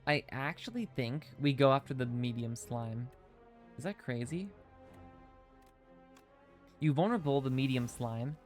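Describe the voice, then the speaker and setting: Over soft background music, a gamer streams live, reasoning out loud about his play and chatting with viewers as he reads their comments. His medium-pitched speech is a little slow with frequent pauses and slightly impeded by dental retainers.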